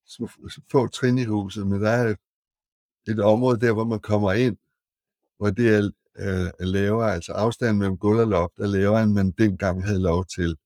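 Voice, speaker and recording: An older man, a retired architect, telling anecdotes as a podcast guest in a halting, word-searching way. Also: fairly low pitch, darkish tone, dry recording.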